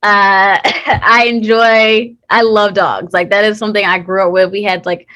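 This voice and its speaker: A woman's voice: medium pitch, flat delivery, a little slow, sharp tone. A young woman actor talking in a casual interview, earnest and heartfelt, with many fillers and restarts. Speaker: guest, actor.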